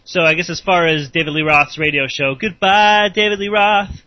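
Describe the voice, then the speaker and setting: A man's voice: on the high side, normal speed, dry recording, dull audio. A man hosting an entertainment news segment, delivering celebrity gossip in a chatty, wisecracking way with self-mocking asides. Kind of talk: joking celebrity gossip report.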